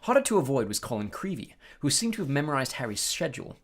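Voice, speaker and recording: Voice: medium pitch, very animated, fast. An audiobook reader narrating a story, with small slips and fillers.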